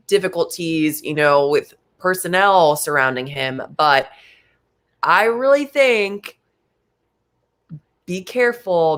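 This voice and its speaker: In his late twenties, this man co-hosts a casual sports talk show with a slightly high voice and some vocal fry. He's animated, speaks quickly in bursts, and uses many fillers.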